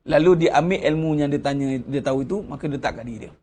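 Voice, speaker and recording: A man's voice: fairly high pitch, fast talker, mellow, a little hiss or hum. A man with a Malaysian Malay accent giving a Ramadan religious lecture, preaching conversationally with rhetorical questions. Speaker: religious teacher.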